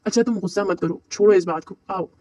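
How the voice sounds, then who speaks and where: A man voicing a gentle middle-aged mother who speaks in a calm, soft-spoken way. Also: mid-range voice, fast, dry recording, close to an everyday voice. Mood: soothing.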